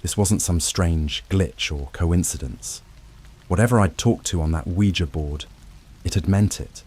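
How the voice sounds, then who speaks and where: A man narrating a first-person horror story in a scripted, tense storytelling manner with dramatic pauses. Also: low voice, a little mellow, slightly rough.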